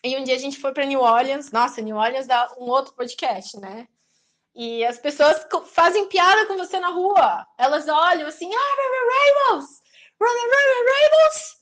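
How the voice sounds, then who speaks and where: A young woman with a Brazilian accent chats casually as a podcast host, her voice sitting noticeably high. She talks in a lively, anecdotal way and briefly acts out the people she is describing. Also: moderate pace. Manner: chatty and lively, acting out quoted people in passing. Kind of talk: casual chat.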